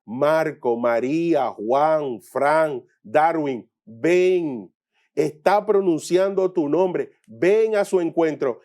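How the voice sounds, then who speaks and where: Slow, mellow-voiced preaching man. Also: a little high, expressive. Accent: Dominican Spanish. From Dominican Republic. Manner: slow, emphatic preaching with repeated phrases. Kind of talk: sermon-style Gospel reflection.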